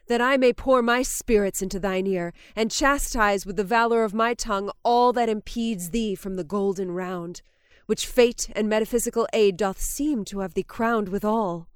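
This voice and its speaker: An actress playing a ruthless, ambitious noblewoman in a Shakespearean drama, with an intense, deliberate delivery. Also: on the high side, no echo, clean studio sound, close to an everyday voice. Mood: scheming resolve. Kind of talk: dramatic Shakespearean stage-style acting.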